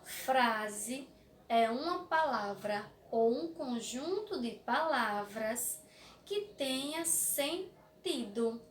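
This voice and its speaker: A young woman with a Brazilian Portuguese accent teaching a recorded class for young children, slow and clear with a sing-song way of stretching words. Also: on the high side, expressive, far from the mic. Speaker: primary school teacher. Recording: echoey room, voice off-mic.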